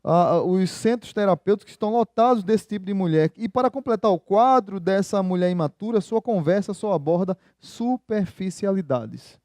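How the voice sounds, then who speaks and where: A pastor with a high yet mellow voice preaches a sermon in an easy, conversational way, repeatedly putting rhetorical questions to his congregation. He's expressive, moderately paced, and hardly pauses. The sound is dry and close to the mic, with no room sound.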